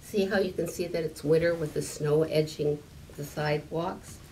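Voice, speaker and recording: In a library room with a stone fireplace, an elderly story time reader, 70s or older, slowly and a bit haltingly reads a picture book to children, explaining small things as she goes. Her voice sits low, steady and darkish. A camera a few meters off captures distant sound and room noise.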